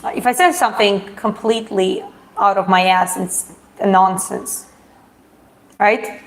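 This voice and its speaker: The audio is poor as a woman with a mid-range voice hosts a casual live Q&A chat. She's from Georgia, speaks Russian as her first language, and phrases things hesitantly while reading viewer questions, then gives frank answers.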